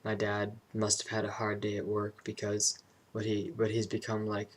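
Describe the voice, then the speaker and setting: A young man talking casually and introspectively about personal matters in a vlog, halting and searching for his words. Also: on the low side, completely flat delivery. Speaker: vlogger.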